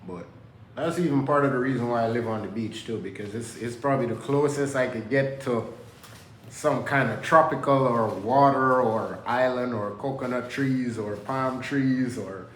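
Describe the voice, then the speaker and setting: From an indoor workplace under renovation, a Jamaican man with a mid-range, fairly bright voice speaks casually to his camera. The vlog is a loose, rambling, preachy self-motivation talk, and the echoey recording has faint ambience plus a little hiss or hum.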